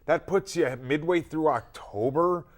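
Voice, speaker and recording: A man's voice: fairly high pitch, unhurried. An American man co-hosting casual sports talk, giving his opinions bluntly and with emphasis. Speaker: sports talk show co-host.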